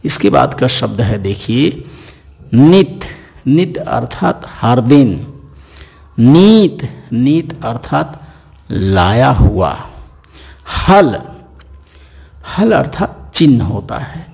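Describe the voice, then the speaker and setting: A man teaching a grade-five language lesson, slowly and deliberately repeating each word before explaining its meaning. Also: mid-range voice, expressive, creaky, darkish tone, slightly rough. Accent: Hindi.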